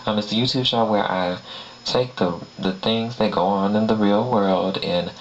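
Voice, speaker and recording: A young man from Arkansas doing a crude, self-mocking stand-up set, rambling with fillers about his gravelly voice, on a small club stage. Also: on the low side, steady tone, normal speed. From Arkansas, US South. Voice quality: gravelly voice he calls ugly. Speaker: stand-up comedian. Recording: dull lo-fi recording with faint hum.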